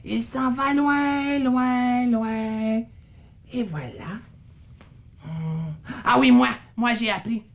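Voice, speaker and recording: A woman's voice: a little high, very slow, highs cut off. A woman voicing a curious, childlike little male puppet character who stammers when surprised, in a children's puppet show. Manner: playful, stammering, wonder-struck.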